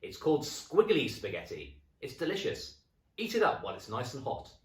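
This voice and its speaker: A man voicing a nasty old hag wife, shrill and cackling, in a roomy recording. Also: huge pitch swings, normal speed. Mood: gloating. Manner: shrill and screeching. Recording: roomy echo, distant mic.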